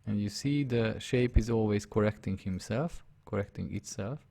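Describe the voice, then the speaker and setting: A man with a low-side voice that is creaky and dark speaks at a moderate pace, his Hungarian accent coming from his native language. He presents a live step-by-step drawing tutorial, describing his on-screen steps and often checking the viewer keeps up.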